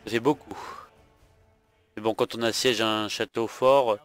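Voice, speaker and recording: A man's voice: on the low side, steady tone, unhurried, clear, resonant tone, soft background music. A tired man narrating his own strategy game playthrough, thinking aloud with frequent hesitations. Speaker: gaming video host. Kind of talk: let's play commentary.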